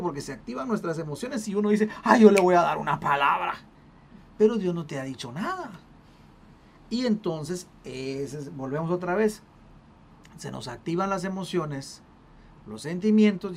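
A co-host retelling a Bible story in a casual faith discussion, animated and full of restarts, acting out the people in it. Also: medium pitch, normal speed, slight background noise. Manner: acts out quoted voices.

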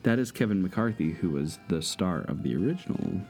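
A man's voice: low-pitched, lively intonation, a little fast, over music. A man co-hosting a podcast, chatting casually and enthusiastically about movies, rambling and teasing. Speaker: podcast co-host.

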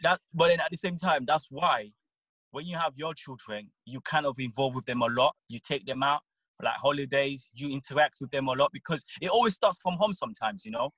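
A man in a casual panel debate, insistent and halting, often repeating words as he builds his argument. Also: medium pitch, a bit bright, no echo.

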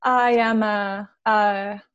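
A woman's voice: mid-range voice, flat delivery, very slow, a bit bright, clear, resonant tone, dull audio. A woman from Venezuela, answering interview questions in a friendly way with frequent hesitations. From Venezuela, raised in Peru. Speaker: guest.

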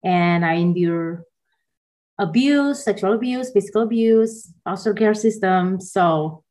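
A woman in her forties who grew up in Indonesia, a guest on a podcast. She tells her story softly and haltingly, with small laughs between phrases, at a middling pitch. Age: 40s. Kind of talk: personal story in a podcast interview.

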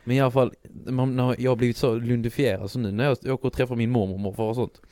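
A man's voice: mid-range voice, steady tone, mellow, dry recording. A young man from Skåne with a Skåne accent, co-hosting a podcast in joking, chatty casual talk. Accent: Skåne Swedish. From Skåne, Sweden. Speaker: podcast co-host. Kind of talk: casual chat.

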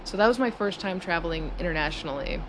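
Thirty-something woman chatting on her podcast, kinda low voice, giggles a lot, crappy audio with street noise and ac hum. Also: fast talker. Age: 30s. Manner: chatty, giggles nervously between thoughts. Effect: low-quality audio with street noise. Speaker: podcast host. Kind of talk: casual solo podcast monologue. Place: small home studio on a busy city street. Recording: noisy low-quality street-side recording. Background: traffic and air-conditioner hum.

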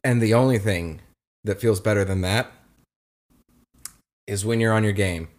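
A young man co-hosting a casual chat, telling a story with lively acted-out quotes. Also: a little slow. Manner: animated storyteller, acts out quotes in a high voice. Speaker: podcast co-host.

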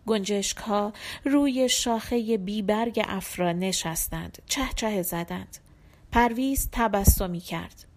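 A woman reads a literary short story aloud for an audiobook. Her voice sits at a middle pitch, and she tells the story in a measured, even way. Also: a little hiss or hum. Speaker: audiobook narrator.

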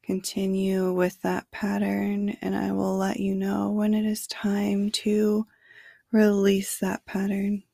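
Woman, sleep meditation narrator, extremely unhurried, heavy vocal fry, hushed and soothing. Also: mid-range voice, completely flat delivery, no room sound, studio quality. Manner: hushed, soothing bedtime delivery, at times near whisper. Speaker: guided relaxation narrator. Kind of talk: sleep meditation narration, slow body scan.

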